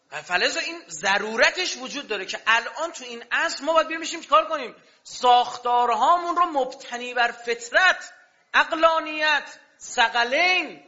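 A man's voice: extremely high pitch, bright, forceful tone. A man preaching a sermon with passion, throwing rhetorical questions at his audience. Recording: dull lo-fi recording.

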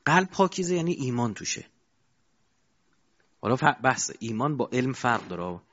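A man giving a colloquial sermon, asking his audience rhetorical questions and moving between loud and quiet stretches. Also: medium pitch, big pitch swings. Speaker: preacher. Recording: dull lo-fi recording.

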